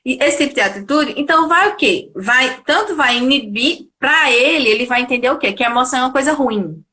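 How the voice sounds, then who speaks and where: A woman with a high, bright voice that swings widely as she talks. She explains things as a pedagogue in a live chat, animated and quick to laugh, often telling stories from her own family. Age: adult mother. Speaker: pedagogue, guest. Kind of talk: live conversational talk.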